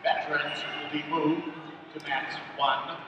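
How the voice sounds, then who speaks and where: A man's voice: on the high side, flat delivery, measured pace. A man announcing over the intercom at a wrestling tournament, formally repeating each announcement. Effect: over the intercom, public address loudspeaker. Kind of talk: public announcements and trivia. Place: large indoor gym at a wrestling tournament. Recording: echoey gym PA heard from far off, loud noise.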